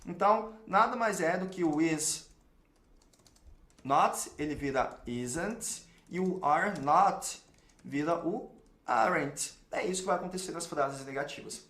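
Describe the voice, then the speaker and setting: A Brazilian Portuguese-accented man teaches an online English lesson, walking through each rule step by step. His voice sits high for a man, and he checks in often. The room around him is audibly echoey. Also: expressive, takes it slowly, fairly bright tone. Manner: explains step by step, with frequent checks like "ok?" and "beleza?".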